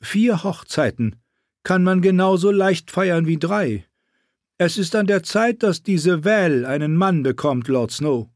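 A man's voice: high-pitched, expressive, a little slow, a little mellow, no room sound, clean studio sound, voice pushed up. A man voicing a cold, haughty middle-aged queen who speaks in a prim, disdainful way.

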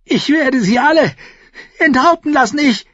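A man voicing a spoiled, petulant young king who screams in shrill outbursts. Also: big pitch swings, brisk, fairly bright tone, no echo, muffled recording, full character voice. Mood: shrieking. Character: shrieking spoiled boy king, cruel and petulant.

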